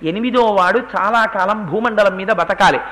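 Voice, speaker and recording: A man's voice: high voice, normal speed, pushed and bright. A man voicing a scolding river goddess. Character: imperious river goddess, female, scolding her husband.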